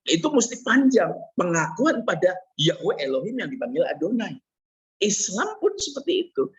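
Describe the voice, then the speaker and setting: A middle-aged man preaching a sermon in a lively way, teasing the audience with questions. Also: a little high. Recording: dull lo-fi sound.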